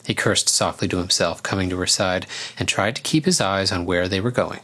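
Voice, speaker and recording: Calm male storybook narrator, low-set voice. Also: brisk.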